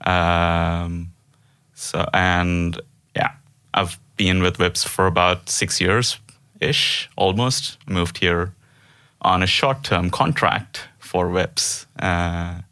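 A developer in his thirties from India, whose first language is an Indian language rather than Norwegian, guests on a company podcast. His deep, steady, bright voice sounds pushed but clean, with drawn-out words. Chatting casually and hesitantly, he uses many fillers and restarts and laughs often.

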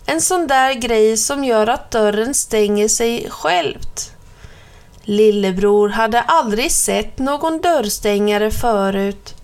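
A woman reading a children's picture book aloud in a plain, steady storytelling manner. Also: fairly high pitch.

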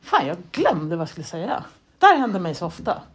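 A woman's voice: on the low side, huge pitch swings, breathy edge. A chatty woman rambling in a loose, casual monologue. She drifts between thoughts, restarts her sentences and mocks herself as she acts out what goes on in her head. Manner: chatty, self-deprecating, loses her thread; frequent fillers and restarts, acts out inner thoughts.

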